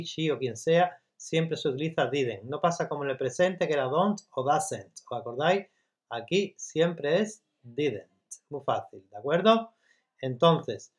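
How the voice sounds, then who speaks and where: A man teaching English grammar step by step in Spanish, patiently checking in with his students and reading example sentences slowly. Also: a little high, highs cut off. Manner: patient, repeats checks like "¿vale?" and "¿de acuerdo?".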